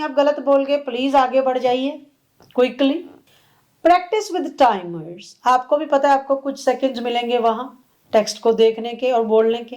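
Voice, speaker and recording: Slow, higher-pitched woman coach. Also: a little mellow, poor audio. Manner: mixes Hindi and English, coaching tone. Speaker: exam coach. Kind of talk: video lesson on test tips.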